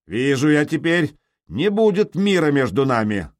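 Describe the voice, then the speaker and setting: A man voicing a greedy warlord who yells indignant challenges up at a fort in an audiobook. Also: fairly high pitch, very animated, normal speed, pitched above the performer's own voice. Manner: yelling, indignant, blustering.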